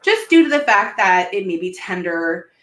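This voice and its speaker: A woman's voice: mid-range voice, sing-song, moderate pace, a bit bright. A heavily pregnant woman, somewhat out of breath, giving a casual, informal live-stream lesson as a health therapist and checking in as she explains. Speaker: pelvic health therapist teaching. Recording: roomy, echoing sound.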